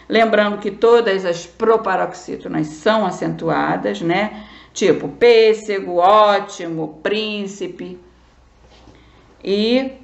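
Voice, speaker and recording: A woman's voice: mid-range voice, vocal fry. A woman teaching a primary school grammar lesson, patient and checking understanding as she goes. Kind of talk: remote class lesson. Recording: roomy, dull lo-fi recording.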